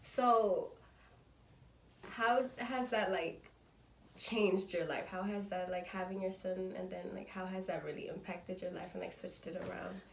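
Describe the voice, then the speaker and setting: A woman interviewer with a gravelly edge asks halting questions packed with likes. Her voice carries a roomy echo with faint background noise. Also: on the low side, fairly even intonation. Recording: echoey room.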